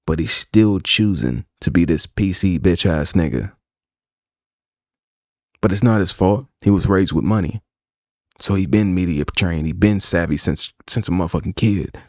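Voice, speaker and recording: A man's voice: deep voice, normal speed, darkish tone, dry recording. A man streaming live, talking casually, rambling and bluntly profane. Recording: dull lo-fi dry sound.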